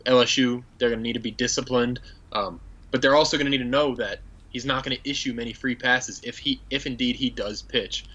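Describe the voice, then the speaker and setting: A man's voice: medium pitch, steady tone, a little fast, sharp tone, husky, muffled recording. A man co-hosting a sports podcast, breaking down the matchup in an easygoing way with fillers. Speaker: podcast co-host. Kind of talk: casual sports podcast chat.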